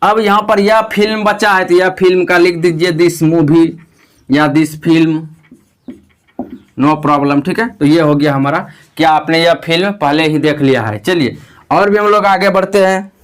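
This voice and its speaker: A man's voice: a little high, measured pace. A young man with a Bihari Hindi accent teaching an online English grammar lesson, patient and repetitive, reassuring his students as he goes. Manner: patient, repeats phrases, reassuring asides to students.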